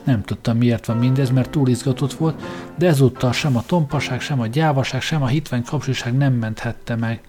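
A man reading a story aloud in a steady, even way as an audiobook narrator. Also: medium pitch, over music.

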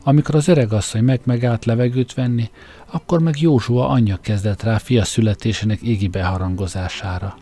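A man's voice: medium pitch, dark tone, faint music behind. A man narrating an audiobook in the first person, with wry, conversational storytelling.

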